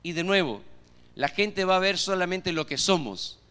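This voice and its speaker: Speaking in a high, bright voice at normal speed, this man sounds animated and forceful yet clean. He is an Argentine-accented pastor delivering a sermon in an echoing church hall, often posing rhetorical questions to the congregation.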